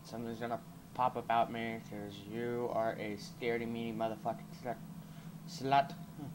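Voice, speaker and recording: A man playing a horror game and commenting as he goes, swearing a lot and yelping and shouting when he gets scared. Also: mid-range voice, level tone, moderate pace, background noise. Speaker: gaming YouTuber.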